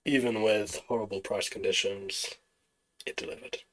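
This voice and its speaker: A man with a low voice streams his trading session live. He walks through chart setups and answers chat in a relaxed, explanatory way, thinking aloud as he goes. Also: normal speed, poor audio.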